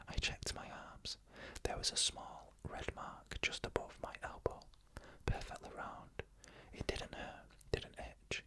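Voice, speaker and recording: Creepy tales in the first person are read by an ASMR storyteller. The whisper is soft and unvoiced, and the phrasing slow and deliberate.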